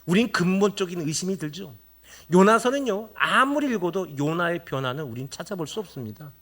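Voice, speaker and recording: A male pastor preaching a sermon in a church, animated and firing rhetorical questions at the congregation. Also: sits high, a little fast. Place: church sanctuary.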